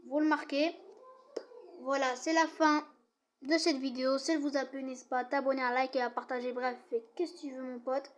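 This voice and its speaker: A woman's voice: high-pitched, flat delivery, a little fast. A young woman giving a casual home video lesson, chatty and apologetic, often restarting her sentences. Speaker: youtuber teaching English words.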